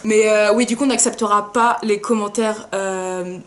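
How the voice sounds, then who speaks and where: A woman's voice: mid-range voice, steady tone, moderate pace. A tired young woman co-hosting a book video, bubbly and self-mocking as she chats. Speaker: book channel co-host. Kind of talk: casual chat.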